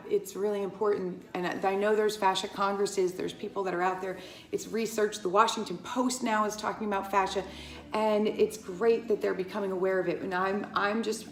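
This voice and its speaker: Speaking in a medium pitch, a woman about fifty years old, a Pilates teacher, addresses the camera in a relaxed vlog. She rambles, restarts herself often, and keeps slipping into side comments, all captured with a roomy sound.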